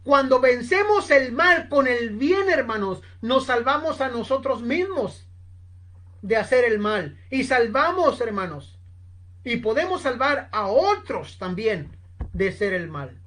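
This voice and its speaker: Slow, high-voiced woman preaching. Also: big pitch swings, fairly bright tone. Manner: addresses listeners as brothers constantly; slow, emphatic storytelling. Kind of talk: sermon. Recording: online seminar recording.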